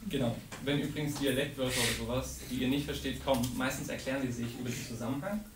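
A man's voice: medium pitch, fast. A young man from Saxony giving an informal, earnest sermon, acting out the psalm's lines with feeling. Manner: earnest, animated, acts out psalm voices. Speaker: preacher. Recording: echoey room, distant mic, noisy.

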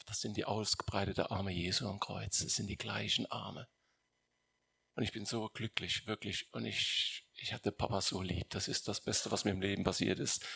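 Man, heartfelt testimony, gravelly, husky, dry sound. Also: on the low side, fairly bright tone, no room sound. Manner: emotional, heartfelt storytelling. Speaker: congregation member giving a testimony. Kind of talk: personal testimony.

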